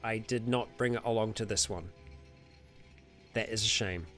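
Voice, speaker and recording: Speaking at a normal speed in a fairly low, fairly even, somewhat bright voice, this streamer hosts a relaxed livestream and replies to viewer comments over soft background music. His talk wanders slightly, with fillers, self-corrections and lots of laughter.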